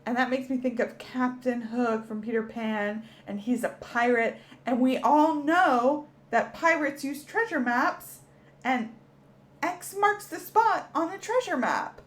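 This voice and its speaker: A woman's voice: sits high, measured pace. A woman teaching a children's alphabet lesson, cheerful and encouraging as she speaks to young kids.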